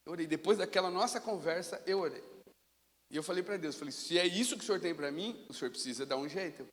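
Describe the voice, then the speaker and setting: A man preaching a sermon in a church, telling stories in an animated, casual way. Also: a little high, fast talker. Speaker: pastor. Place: church sanctuary. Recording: long reverb of a church hall.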